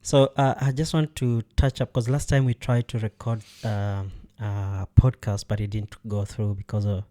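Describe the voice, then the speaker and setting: A male podcast host chats casually, with frequent pauses and fillers. His voice sits low and sounds warm and relaxed. He laughs easily as he talks. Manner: hesitant, many fillers, laughs often. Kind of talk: casual conversation.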